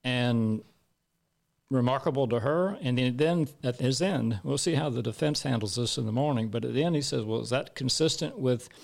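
A man's voice: mid-range voice, normal speed, creaky, darkish tone. A man commenting on a trial in a casual panel discussion, emphatic and repeating words for stress. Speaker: legal commentator.

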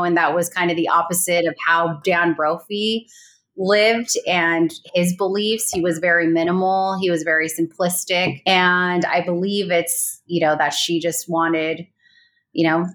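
A woman's voice: fairly low pitch, a bit bright. A woman recounting a real crime in a casual interview, hesitant with many fillers and restarts. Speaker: guest recounting a colleague's murder.

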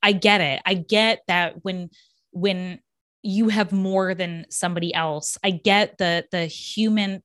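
A woman's voice: mid-range voice, fairly bright tone, no echo, studio quality. A woman hosting her own podcast, talking passionately and emphatically, often checking in with her listeners with tag questions. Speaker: podcast host. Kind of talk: solo podcast monologue.

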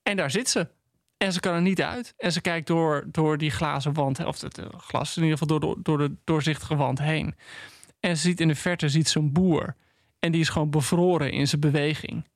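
A man retelling a novel's plot on a studio podcast, halting and restarting often. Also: a little high, steady tone, no echo. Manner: halting, full of restarts and ums. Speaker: podcast co-host. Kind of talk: casual book discussion. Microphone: studio microphone.

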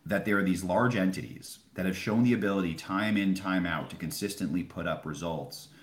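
A man's voice: low-pitched, brisk. A man giving conversational expert analysis as a retail analyst in a podcast interview, explaining emphatically and posing questions that he answers himself. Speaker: Wall Street retail analyst. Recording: roomy, echoing sound.

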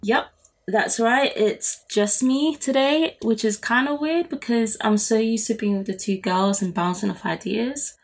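A woman's voice: a little high, a little slow, soft background music. British woman hosting a casual podcast. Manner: chatty, informal, conversational. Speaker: podcast host. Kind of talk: casual solo podcast talk.

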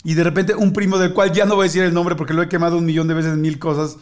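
A man with a Mexican Spanish accent, a podcast host telling a family story in casual chat, acting out voices with shouts and laughter. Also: on the high side, flat delivery, very fast.

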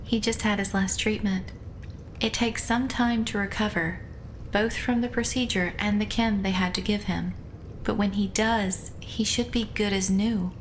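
Drama role, female actor: composed caring woman, reassuring, mid-pitched, faint rumble behind. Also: fairly even intonation, a little slow, lightly acted, low-quality recording. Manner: reassuring, matter-of-fact. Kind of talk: scripted audio drama acting.

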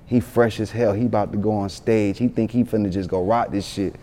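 A man tells stories in a relaxed interview. His voice is mellow and dark, and the hall gives it a long reverb. He talks loosely and excitedly, swears, and keeps adding "you know what I'm saying". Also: fairly low pitch, brisk. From Atlanta, born in Yonkers. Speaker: interview guest, rapper. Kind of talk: casual storytelling interview.

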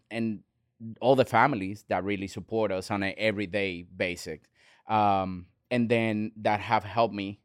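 A man, a restaurant owner talking as a guest in an earnest, halting way with many restarts. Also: fairly low pitch, smooth, dry recording, studio quality. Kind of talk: casual interview talk.

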